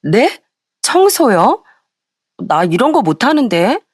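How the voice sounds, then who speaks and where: A woman's voice: mid-range voice, sing-song, moderate pace, vocal fry, no room sound, clean studio sound. A woman narrator voicing a whiny, spoiled young sister-in-law who pleads and complains in a raised voice.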